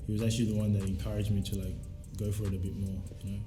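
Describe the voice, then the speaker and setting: A young musician from South Sudan, raised in Australia, chats casually and reflectively in laid-back slang during an interview. His fairly low voice stays level as he races along, with roomy echo and faint music in the background.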